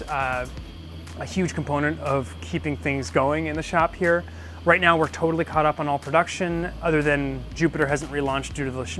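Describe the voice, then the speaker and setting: A man with a somewhat high voice narrates a casual vlog tour of his small business. He talks informally and thinks aloud, poking a little fun at himself. Faint music runs behind his voice. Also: a bit bright. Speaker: business owner giving a shop tour. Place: indoors, small business office and print shop.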